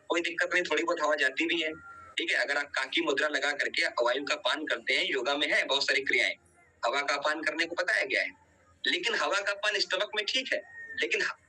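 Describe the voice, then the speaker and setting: A man gives an online biology lecture. He speaks in a very bright, slightly raised voice over a faint background hiss. He explains each point step by step and keeps pressing the students to revise. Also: fairly high pitch, rough recording. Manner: explains step by step, often checks with "ठीक है"; quizzes students and urges revision. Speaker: teacher.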